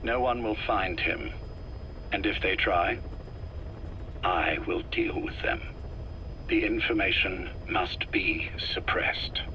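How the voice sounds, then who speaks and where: For a game, this is scripted, dramatic dialogue voicing an older male intelligence chief who is ailing, sickly and calculating, yet calm and controlling. His low-pitched, exaggerated voice carries a bright, forceful tone, and he speaks in a measured, deliberate, coolly polite but menacing way, with a grave, resolute mood. The recording is faintly noisy.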